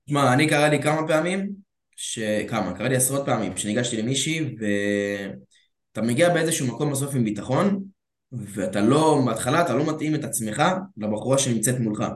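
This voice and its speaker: A man in casual podcast talk, coaching on dating with an easy, street-level directness and a habit of acting out both sides of a conversation. His mid-range voice sits in a noticeably roomy, echoing space. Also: medium pitch. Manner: calls the listener bro, acts out dialogue. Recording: roomy echo.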